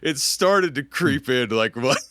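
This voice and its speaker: A man's voice: medium pitch, unhurried, no room sound, clean studio sound. A man in his forties from West Virginia, co-hosting a podcast and telling stories in a loose, rambling way. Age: 40s. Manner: animated rambling storyteller. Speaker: podcast co-host, delivery driver. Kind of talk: casual chat.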